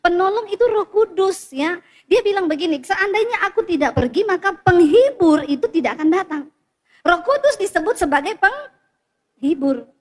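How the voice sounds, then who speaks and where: A woman's voice: very high-pitched, moderate pace. A woman pastor preaching a sermon, telling stories and drawing in the congregation with questions. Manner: lively storytelling with congregation prompts.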